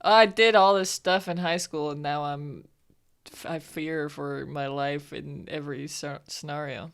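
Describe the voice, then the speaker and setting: A young woman in her twenties chats casually on a podcast, her voice sitting a little low. She rambles through her stories, leaning on fillers as she goes. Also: steady tone, measured pace, creaky, clear, resonant tone. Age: 20s. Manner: rambling, filler-heavy storytelling. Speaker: podcast co-host. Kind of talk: casual chat.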